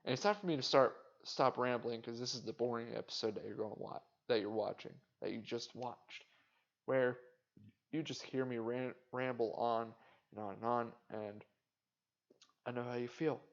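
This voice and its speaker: A man rambles through a solo podcast segment in a flat, indifferent tone, dropping swear words and self-mocking asides. His voice sits at an ordinary middle pitch. The recording is dull and lo-fi. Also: moderate pace, creaky. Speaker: podcast host. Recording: dull lo-fi sound.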